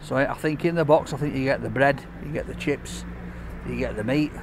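A man's voice: mid-range voice, a little fast, vocal fry. A man with a Yorkshire accent, chatting and joking cheerfully while reviewing food on a city street. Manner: chatty, jokey, cheerful banter. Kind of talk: casual vlog chat. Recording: street noise behind. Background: traffic and scaffolding work.

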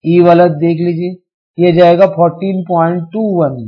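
A man teaching a math lesson, explaining slowly and step by step, repeating each number. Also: sits high, level tone, muffled recording. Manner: slow, repetitive, step-by-step explaining.

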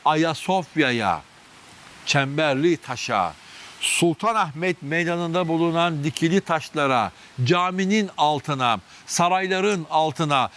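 A man's voice: on the high side, fairly bright tone. A man hosting a history vlog on location underground, narrating dramatically and speaking straight to his viewers and crew, his voice echoing in the chamber. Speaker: history vlog host and guide. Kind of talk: spoken on-location tour narration. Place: underground stone passages beneath old city.

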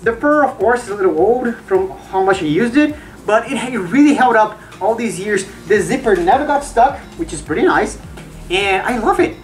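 A woman's voice: mid-range voice, lively intonation, normal speed, recorded from a distance, soft background music, low-quality recording. A woman from Brazil, speaking from inside a fursuit head, chatting casually through a review with lots of fillers and repeated words.

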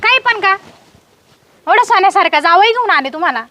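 A woman's voice: very high voice, lively intonation, fairly quick, sharp tone, dry recording, full character voice. A woman playing a cheeky, stubborn young bride who pleads with her father. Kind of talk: comedy sketch acting.

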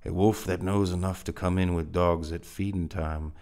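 A man's voice: low-pitched, fairly even intonation, moderate pace, a little mellow. A man reading aloud, voicing a laconic frontier man who speaks in a terse folksy drawl with dry understatement. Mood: agreeing. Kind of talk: dramatic reading.

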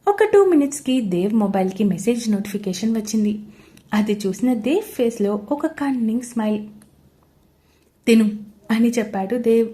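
Woman reading a romance story out loud, mellow, kinda high voice, steady. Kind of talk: scripted narration of a romance story.

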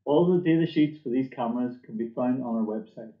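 Seated at a desk indoors, a middle-aged man presents a company product from a script, his mid-range voice moving a little fast. The echoey room and muffled, dull audio mark this webcam recording from an indoor room.

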